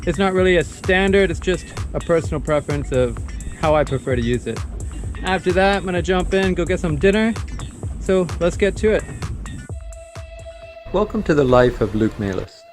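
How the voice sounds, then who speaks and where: A young Bahamian man, a charter fishing captain, giving relaxed step-by-step spearfishing instructions in a vlog. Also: on the high side, normal speed, pauses often, faint music behind. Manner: relaxed, practical, step-by-step explaining.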